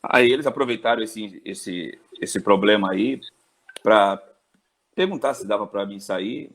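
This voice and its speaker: A sports journalist in his forties from Brazil, telling his story in an interview with animated swings in pitch. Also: measured pace, vocal fry. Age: 40s.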